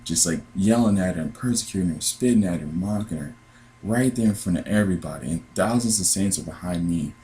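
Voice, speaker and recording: Twenties American man, low pitch, earnest halting testimony. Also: dark tone, slight background noise, low-quality recording. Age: 20s. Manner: earnest, halting, with many restarts. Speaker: dream sharer. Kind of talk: personal testimony.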